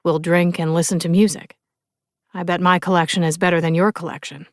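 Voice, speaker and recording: Laid-back young rocker, read by a woman, calm and soft, dry close read. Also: on the low side, fairly quick, dry recording, natural voice. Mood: easygoing. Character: young man, laid-back rock musician. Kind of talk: audiobook character voice.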